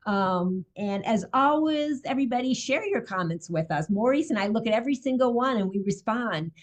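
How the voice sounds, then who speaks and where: A woman's voice: fairly high pitch, expressive, normal speed. An older woman hosting a casual talk show, effusive and exclamatory, often breaking out in delight. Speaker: podcast host. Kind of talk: casual conversation.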